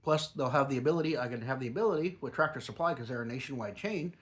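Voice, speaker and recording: With a lip full of dip, a middle-aged or older man, a grandfather, rambles through a casual home-style product review. His voice is medium-pitched and his pace quick.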